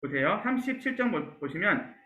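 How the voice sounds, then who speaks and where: Male pastor, lively, high-pitched teaching voice; asks the class questions; roomy lo-fi sound. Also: normal speed. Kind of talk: Bible class lecture.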